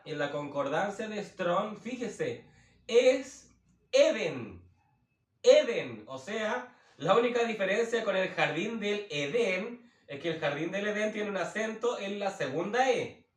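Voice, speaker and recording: A man teaching the Bible as a preacher, slowly repeating and rephrasing himself with many fillers. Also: high voice, distant mic. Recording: roomy, from away from the mic.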